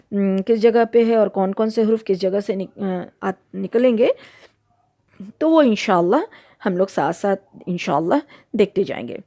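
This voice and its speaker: Woman, religious lesson, patient step-by-step explaining, gravelly edge, warm mellow tone. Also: mid-range voice. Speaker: Quran recitation teacher.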